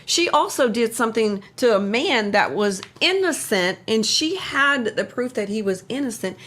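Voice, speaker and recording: A woman's voice: on the high side, expressive, moderate pace, a bit bright. An older woman co-hosting a ministry talk show, talking earnestly about faith with rambling self-corrections and strong conviction. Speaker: ministry co-host. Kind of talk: casual faith and politics talk.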